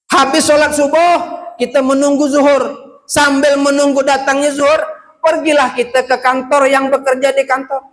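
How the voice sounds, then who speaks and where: A man with a Riau Malay accent preaching a lively mosque sermon, telling humorous stories and asking rhetorical questions. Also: extremely high pitch. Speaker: Islamic preacher.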